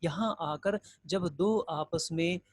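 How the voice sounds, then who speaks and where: Male Hindi teacher, raised pitch, explains with examples and questions, dry booth. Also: takes it slowly, slightly rough, dry recording. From India. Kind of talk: recorded grammar lesson.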